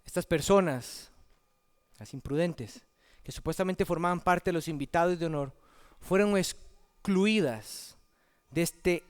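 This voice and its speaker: A man preaching a sermon in a church, dramatic, dropping to a hush and then rising loud. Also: on the high side, a little slow, long pauses. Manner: dramatic, swings from hushed to loud. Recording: echoey church hall.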